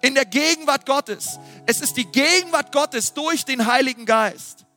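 A man giving a lively, emphatic sermon with dramatic questions. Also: very high voice, measured pace, faint music behind. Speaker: preacher.

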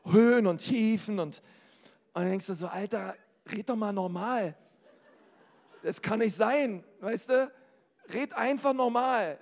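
A man preaching to a congregation in a casual, direct way, often asking the crowd if they follow, swinging between loud calls and quiet asides. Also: high-pitched, long reverb tail. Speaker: pastor. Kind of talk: lively sermon to a congregation. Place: hall with a live congregation.

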